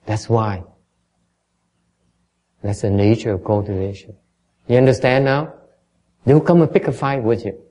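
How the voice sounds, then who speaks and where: Mellow-voiced male dharma teacher. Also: medium pitch, fairly even intonation, a little slow, pauses often. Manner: explains in English, then repeats in Vietnamese, often stumbling over repeated words. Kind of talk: bilingual dharma lecture.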